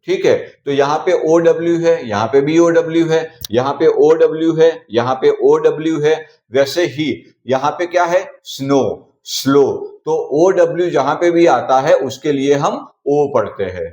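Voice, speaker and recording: Man, English teacher, slightly high voice, drills example words, echoey room. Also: darkish tone, muffled recording. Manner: repeats example words slowly, asks and answers his own questions. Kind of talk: explaining pronunciation rules.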